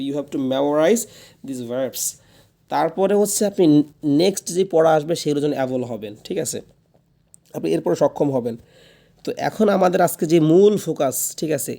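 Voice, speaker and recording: A man teaching spoken English in a classroom lesson, patiently repeating each word slowly so learners can drill it. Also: a little high, gravelly, dark tone. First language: Bengali.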